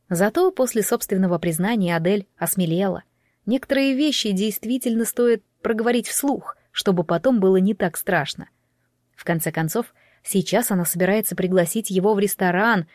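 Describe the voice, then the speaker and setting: Woman narrator, expressive audiobook reading, mid pitch, dry booth sound. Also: no echo. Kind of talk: scripted narration.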